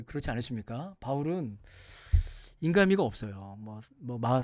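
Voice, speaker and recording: A man's voice: fairly high pitch, no echo, studio quality. A man, a pastor, teaching a Bible study lecture, asking the listeners questions and acting out quoted lines.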